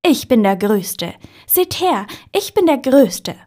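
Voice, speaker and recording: A woman voicing a vain, boastful male moon in a storybook reading, with a loud, grandiose manner. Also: on the low side, expressive, unhurried, breathy edge. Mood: proud.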